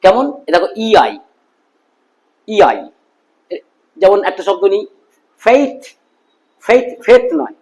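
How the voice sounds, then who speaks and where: A middle-aged man with a Bengali accent teaching English pronunciation, repeating words slowly as drills. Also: high voice, sing-song, a little mellow, rough recording. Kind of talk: classroom-style spoken lesson.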